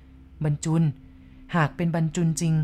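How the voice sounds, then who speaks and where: A woman voicing a young husband who speaks slowly and soothingly in a slightly lowered voice. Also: a little mellow, slight background noise, lightly acted. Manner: slow, low, soothing. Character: calm young husband, gentle and reassuring.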